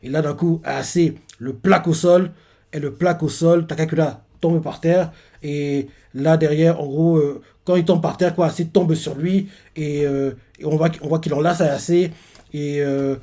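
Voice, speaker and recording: A man's voice: on the high side, steady tone, normal speed, mellow. A man hosting a live reaction, retelling a manga chapter in a rambling way full of fillers.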